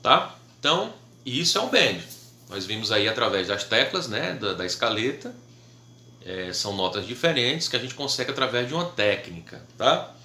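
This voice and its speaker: A Brazilian man gives a relaxed harmonica lesson with a bright, forceful tone. He moves at an easy pace and keeps checking in with short tags. The room around him has a noticeable echo. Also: medium pitch, normal speed. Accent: Brazilian Portuguese. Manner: patient, checks in with "tá?" and "né?" often. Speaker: harmonica teacher. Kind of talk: casual video lesson.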